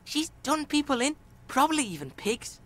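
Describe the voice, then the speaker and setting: Actress as a swaggering foul-mouthed game street kid, high-pitched and crude. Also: female voice, sing-song, moderate pace, fairly bright tone, slight background noise. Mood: cocky. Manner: swaggering, crude, refers to himself by name. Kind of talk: video game voice acting.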